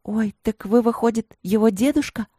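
A reader voicing a curious, lively young princess who asks eager questions. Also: medium pitch, moderate pace, husky, dry recording, studio quality, voice pushed up, natural voice. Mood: apologetic.

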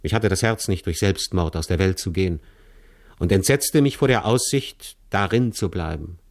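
A man with a low voice reads a literary tale aloud in the first person, measured and serious. The sound is dry and close, with no room echo. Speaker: audiobook narrator. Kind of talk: scripted literary narration.

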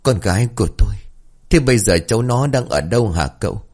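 Man doing a stern village father, gruff, questioning, deep. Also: animated, fast, a little mellow. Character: middle-aged father, stern but grieving.

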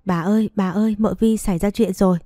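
A woman's voice: medium pitch, fairly even intonation, fast, mellow, dry recording, clean studio sound, natural voice. A woman reading the lines of a frantic, tearful housemaid. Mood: panicked.

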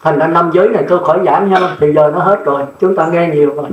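A man's voice: a little high, quick pace, echoey room, highs cut off. An older man, a Buddhist monk, giving a blunt, plain-spoken dharma sermon that often checks in with the listeners.

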